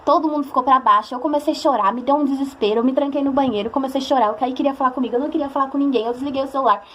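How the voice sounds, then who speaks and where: Brief: young Brazilian woman, emotional confessional vlog, quick delivery, faint hum behind. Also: sits high, fairly bright tone. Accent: Brazilian Portuguese. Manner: chatty, emotional, acts out quoted voices. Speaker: vlogger. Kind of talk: personal storytelling to camera.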